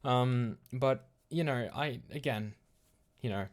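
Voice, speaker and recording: A man from Melbourne, Australia, hosts a livestream, chatting casually, rambling loosely, and thinking out loud. He speaks slowly in a mid-range voice.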